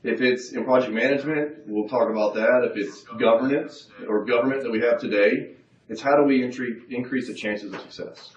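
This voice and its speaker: A man's voice: medium pitch, normal speed. A man giving a workshop presentation in a casual, folksy, self-deprecating way, drawing the audience in. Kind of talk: casual seminar talk with audience interaction. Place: conference room. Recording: roomy, dull, from a distance.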